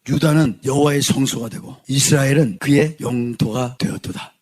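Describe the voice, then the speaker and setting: A male pastor giving a fervent sermon, moving from quiet talk to shouted proclamations. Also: medium pitch, steady tone, normal speed.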